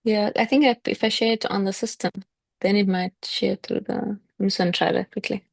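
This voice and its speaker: A woman's voice: medium pitch, steady tone, fairly quick, creaky, husky, no room sound. A woman chatting casually in an online meeting over a video call with earphones, easygoing and thinking aloud.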